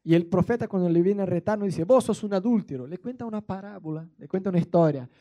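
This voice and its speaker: Joking Argentine preacher, mellow voice. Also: male voice, high-pitched, fast, dull audio. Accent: Argentine Spanish. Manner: playful, colloquial, mixes jokes into preaching. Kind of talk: sermon.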